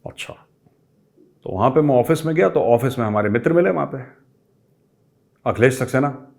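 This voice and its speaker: A middle-aged man hosting a show, telling a personal story in a lively way and sliding in English phrases. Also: mid-range voice, normal speed, creaky. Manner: lively, acts out quoted people with raised voice, mixes English phrases. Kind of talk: animated storytelling.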